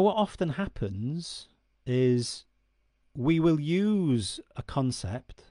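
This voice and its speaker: This man, in his forties and a native Welsh speaker, earnestly talks to camera about Celtic myth and keeps checking in with whoever is listening. His voice is medium-pitched with a dark tone. He sits in a dark room indoors before a close stand-mounted studio mic, and the recording is dry and clean.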